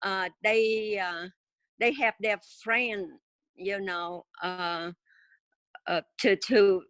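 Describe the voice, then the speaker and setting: A woman in her seventies from Vietnam with a Vietnamese accent, telling her life story haltingly in an interview with many pauses and fillers. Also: medium pitch, steady tone, a bit bright, no room sound. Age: 70s. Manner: halting, many filler sounds, simple grammar. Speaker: interview guest.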